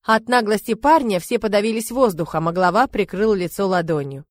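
A woman narrating first-person fiction aloud, lively and expressive in her delivery. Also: mid-range voice, fairly quick, no echo, studio quality. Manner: lively, expressive, indignant at times. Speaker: audiobook narrator.

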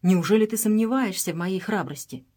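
A woman's voice: mid-range voice, fairly quick, dark tone, lightly acted. George, a woman reading a bold young Englishman. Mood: resolute. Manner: firm and resolute. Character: bold young Englishman, calm commanding adventurer. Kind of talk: audiobook character reading.

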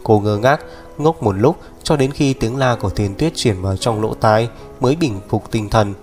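Giọng nam đọc truyện đều đặn. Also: male voice, medium pitch, moderate pace, a little mellow. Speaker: audiobook narrator. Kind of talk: scripted narration. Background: faint music.

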